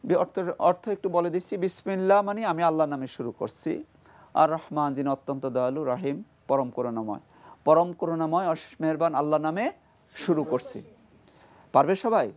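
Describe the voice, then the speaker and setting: A Quran reading teacher leading a televised class, repeating each syllable slowly and emphatically and explaining where the tongue and throat form each sound. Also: mid-range voice, a little mellow. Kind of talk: televised call-and-response recitation class.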